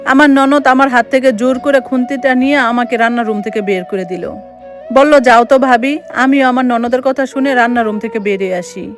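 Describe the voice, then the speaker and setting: A woman telling a family story in the first person, in a measured, even way. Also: a little high, soft background music.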